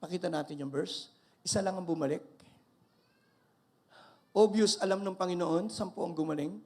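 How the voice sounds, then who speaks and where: An older male pastor preaching an animated sermon, mixing Tagalog and English and calling out to his congregation. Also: high voice, normal speed.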